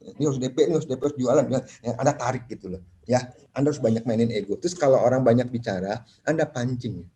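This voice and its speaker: A man speaking at a property seminar, animated, acting out clients in quick voices. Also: mid-range voice. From Indonesia. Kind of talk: lively seminar talk.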